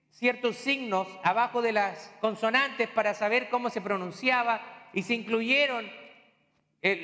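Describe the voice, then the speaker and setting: A man's voice: high voice, bright, forceful tone, in a large hall. A man preaching a sermon as pastor, explaining in a teaching tone with rhetorical questions and homely asides.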